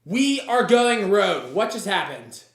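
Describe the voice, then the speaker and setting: A man's voice: high voice, big pitch swings, unhurried. A man hosting a livestream, repeating catchphrases in a mock sportscaster hype. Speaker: livestream host. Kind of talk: hyped live tier-list commentary. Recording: echoey room.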